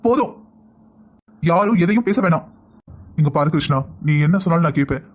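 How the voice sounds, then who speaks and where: Fast-talking man in cartoon drama. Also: a little high, lively intonation. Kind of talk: Tamil cartoon voice acting.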